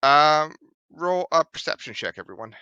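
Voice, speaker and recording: A man running a tabletop game as dungeon master, narrating with frequent ums and pauses. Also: fairly high pitch, expressive, pushed and bright, clear, resonant tone, no echo, highs cut off.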